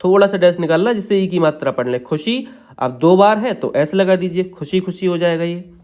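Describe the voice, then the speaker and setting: Guy with a high voice doing a calm step-by-step shorthand lesson, keeps saying okay after every point. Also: a little fast. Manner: patient, repeats "ठीक है" after each point. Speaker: shorthand teacher. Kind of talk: step-by-step tutorial explanation.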